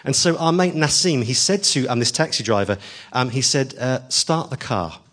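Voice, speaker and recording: A man's voice: mid-range voice, animated, moderate pace, fairly bright tone. A man preaching a sermon, earnest and emphatic, pushing his voice up on key lines, with frequent ums as he tells a story.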